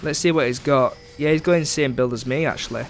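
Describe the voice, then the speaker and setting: A man's voice: mid-range voice, quick pace, soft background music. A young man giving casual, chatty commentary over his own gameplay, sarcastic about his teammates and dropping frequent ums.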